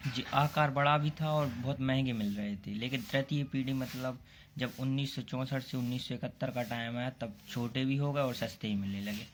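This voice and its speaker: A man tutoring students through exam answers in a relaxed, conversational way. His voice sits at an ordinary middle pitch. A faint hiss of background noise runs under the recording. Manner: plain explanatory talk, often addresses students directly. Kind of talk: casual exam-prep lesson.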